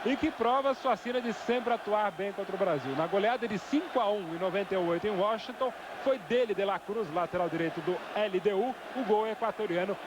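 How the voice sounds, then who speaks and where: Talking a little fast with few pauses, this high-voiced Brazilian man co-commentates a live football match and lays out his views in lengthy asides. Stadium crowd noise fills the noisy outdoor broadcast.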